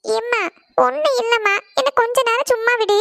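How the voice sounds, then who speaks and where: A whiny, tearful cartoon college girl, as a woman puts her on, in a very high, drawn-out pleading voice. She sounds sulky and upset. The recording is dry and close. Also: steady tone, gravelly, a bit bright, no echo, heavily acted. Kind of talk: cartoon voice acting.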